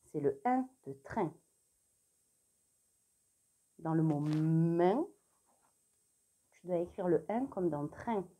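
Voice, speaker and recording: Giving a remote spelling lesson to young children, a young adult primary school teacher dictates clearly and spells letters singly, speaking encouragement straight to the child. Her voice is on the low side and dark-toned, slow with long pauses but lively in intonation.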